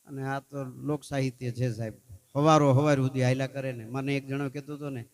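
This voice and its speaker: A man's voice: mid-range voice, level tone, fairly quick. A man, a folk storyteller at a festival gathering who keeps asking his audience "hey?" as he talks. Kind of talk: folk storytelling with sung verses.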